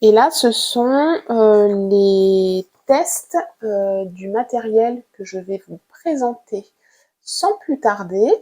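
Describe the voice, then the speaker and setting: A woman art vlogger walks through her drawing materials in a casual show-and-tell. She speaks at an unhurried, slow pace, gentle and soft-spoken. She pauses often and fills the gaps with hesitant fillers. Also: mid-range voice, animated. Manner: hesitant, with frequent "euh" fillers.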